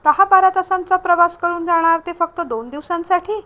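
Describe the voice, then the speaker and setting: A woman's voice: very high voice, a little fast, sharp tone, pitched above the performer's own voice. A woman voicing a witty young woman. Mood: teasing.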